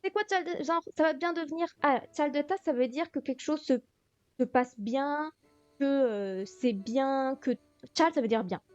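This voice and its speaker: A woman's voice: high-pitched, fairly quick, a little mellow, no echo. A woman teaching a beginner language class on a livestream, thinking aloud with lots of fillers. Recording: dull lo-fi stream audio, faint music.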